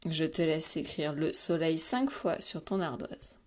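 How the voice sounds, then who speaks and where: A woman teacher giving a spelling dictation to young children, speaking slowly and pronouncing each syllable with care. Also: low voice, darkish tone. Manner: slow, carefully articulated, patient; repeats words and stresses syllables for spelling. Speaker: primary school teacher.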